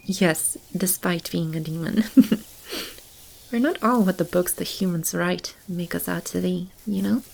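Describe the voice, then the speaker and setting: A woman fully commits to a character voice as a caring female demon who shelters animals and a lost child, speaking softly with whispered stretches in an ASMR roleplay. Her lowish, slow voice sounds gently amused, tender, intimate and reassuring. The recording is rough, with clearly audible animal and bird ambience behind her.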